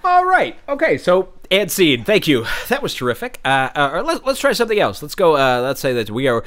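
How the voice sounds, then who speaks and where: A man hosts and directs an improvised comedy scene. His delivery is theatrical, with his pitch bouncing lively up and down. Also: fairly quick. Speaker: comedy sketch host.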